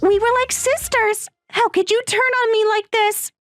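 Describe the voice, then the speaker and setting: A woman voicing a panicked, entitled young wife in a dramatized text story, pleading and shrill. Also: steady tone, normal speed, fairly bright tone, no echo, faint music behind. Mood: bitter.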